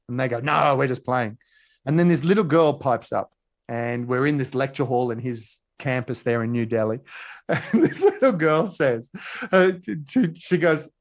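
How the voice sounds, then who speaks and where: Animated man telling a story. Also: mid-range voice. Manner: animated storyteller acting out quotes. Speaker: speaker at a leadership session. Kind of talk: motivational talk, storytelling.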